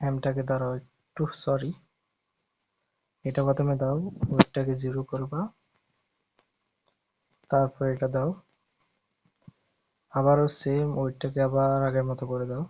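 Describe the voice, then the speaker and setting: A man's voice: mid-range voice, monotone, a little slow, pauses often, a little mellow, dull audio. A man from Bangladesh talking through an app-building tutorial step by step in a casual way, often correcting himself as he goes. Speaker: tutorial host.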